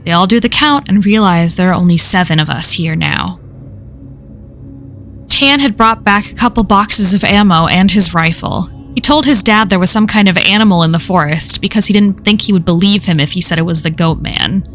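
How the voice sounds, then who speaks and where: A woman reading a horror story aloud on a live stream, in a measured storytelling manner that slows at the tense moments. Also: on the low side, a bit bright, faint music behind.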